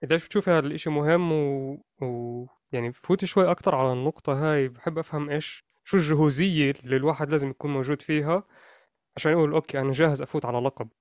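A man's voice: on the high side, rapid-fire, darkish tone, no room sound. Man, Levantine Arabic accent, interview host, racing conversational pace, very dry close sound. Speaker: podcast host. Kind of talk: casual interview.

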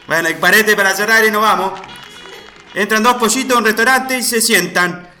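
Man doing a Sicilian-style comic, high voice, echoey room, loud music behind. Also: brisk, crowd noise, lightly acted. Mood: jokey. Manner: rambling punchlines with Italian words. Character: Sicilian-flavored male joke-teller. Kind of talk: comedy sketch.

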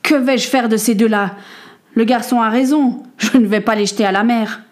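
A woman's voice: on the high side, fairly even intonation, normal speed, lightly acted. A woman voicing a stern male ship captain who gives curt commands. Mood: weary.

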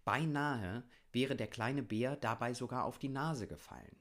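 A man reading a children's bedtime story aloud in a calm, gentle storytelling manner. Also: medium pitch, a little slow.

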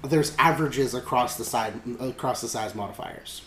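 This podcast host speaks at normal speed in a medium-pitched, fairly bright voice. His casual talk about a tabletop game wanders, full of fillers and false starts, and it's recorded in an echoey room with a little noise.

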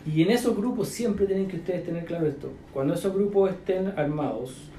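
Chilean guy coaching founders, slangy and lively, warm mellow voice a bit high, echoey room. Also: fairly quick, slight background noise. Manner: animated, coaching, lots of slang and fillers. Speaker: business mentor. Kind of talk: casual mentoring chat.

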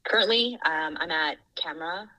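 Low, bright-voiced woman podcast guest. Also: moderate pace, no echo, poor audio. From Thailand. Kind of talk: casual interview.

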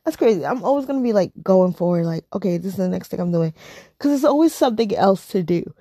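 A woman's voice: medium pitch, expressive, quick pace, dark tone, dry recording, studio quality. A woman in her thirties chatting casually to camera, rambling and repeating herself, tired and yawning. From United States. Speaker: vlogger.

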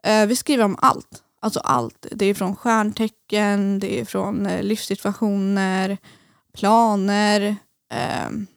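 A woman's voice: medium pitch, steady tone, gravelly, smooth, dry recording, clean studio sound. A young woman guest on a podcast, telling a personal story in hesitant casual conversation with many fillers.

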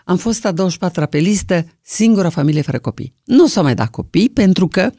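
An older woman with a deep, low singer's voice that carries a gravelly edge. She tells her stories in a lively, expressive way. The sound is dry and close. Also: no room sound. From Romania. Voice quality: low, deep singing-trained voice. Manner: lively, expressive anecdotal storytelling. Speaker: interviewee, singer. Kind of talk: storytelling in an interview.

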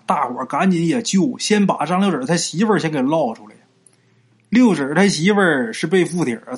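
A man's voice: mid-range voice, husky. A man narrating a serialized ghost story in a chatty way, asking and answering his own questions and stretching out particles at the ends of phrases. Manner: frequent drawn-out particles like 啊 and 呀.

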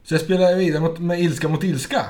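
A man co-hosting a podcast, chatting casually and telling stories with frequent laughter. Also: on the high side. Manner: animated storyteller, laughs often. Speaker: podcast co-host. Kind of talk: casual chat.

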